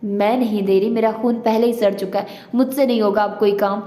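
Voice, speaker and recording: A woman's voice: mid-range voice, fairly even intonation, brisk, dark tone, reverberant, long reverb tail, lightly acted. A woman reading aloud, voicing a sulky, hot-tempered teenage girl who snaps at others. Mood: angry. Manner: snappish.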